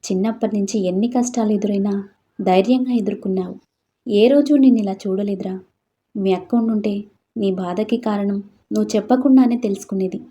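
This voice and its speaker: A woman voicing a gentle, caring mother who coaxes her son in a storybook reading. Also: medium pitch, brisk, breathy edge, dull audio, lightly acted. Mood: tender.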